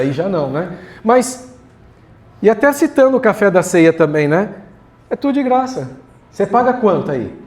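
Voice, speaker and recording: A man's voice: fairly high pitch, a little mellow. A man preaching a sermon as pastor, casual and joking, talking straight to the congregation. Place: church hall.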